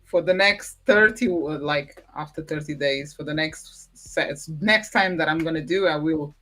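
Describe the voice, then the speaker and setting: A woman hosting a podcast interview, friendly and giggly with halting phrasing. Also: low voice, fairly bright tone. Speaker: podcast host. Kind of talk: casual interview chat.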